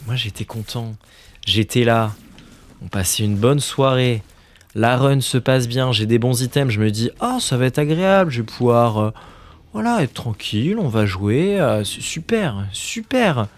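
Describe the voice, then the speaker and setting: A man in his thirties with a middle-pitched voice streams a game and offers casual commentary at a moderate pace. Exasperated, he grumbles and swears a lot, sometimes sinking to near-whispered mutters under his breath.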